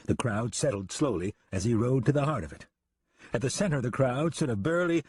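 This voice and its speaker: Brief: male audiobook narrator, husky tone, dry close mic, mid pitch. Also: darkish tone, dry recording. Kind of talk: scripted narration.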